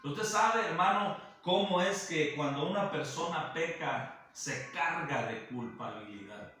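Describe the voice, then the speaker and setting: A man preaching a sermon, speaking slowly and deliberately and often addressing his listener as brother. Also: on the high side, sharp tone. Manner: slow and deliberate, repeatedly calling the listener brother. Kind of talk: sermon teaching. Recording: roomy echo, heard from a distance, faint music behind.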